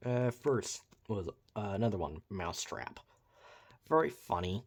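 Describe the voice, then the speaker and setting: A man's voice: lowish voice, expressive, unhurried, husky. A young man giving casual, rambling commentary over gameplay, full of "like" and "uh", with wry, sarcastic asides. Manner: rambling, uses many fillers like "like" and "uh". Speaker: gameplay reviewer.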